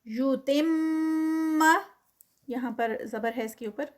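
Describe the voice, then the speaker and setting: A woman's voice: a little high, steady tone, darkish tone. A woman with a Pakistani Urdu accent teaching Quran recitation, who draws out each example word in recitation and then explains it carefully, mixing in English terms.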